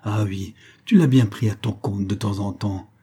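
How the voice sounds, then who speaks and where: A man's voice: on the low side, steady tone, normal speed, mellow, breathy edge. A man reading an audiobook, voicing a furious, betrayed woman who scolds her lover with indignant scorn. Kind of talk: audiobook character voice.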